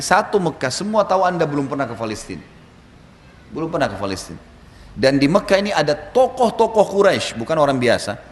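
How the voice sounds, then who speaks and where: A male preacher tells a story to his congregation with a lively, swooping voice, acting out the people in it. The sound carries a long, roomy hall reverb. A faint ambient noise sits behind him. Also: mid-range voice. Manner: lively storyteller, chuckles, acts out quotes. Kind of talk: sermon storytelling.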